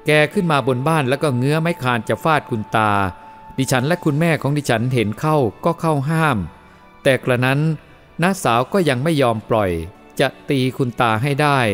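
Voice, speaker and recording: A man reading a first-person moral story aloud as the storyteller, in a steady, measured way. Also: medium pitch, soft background music.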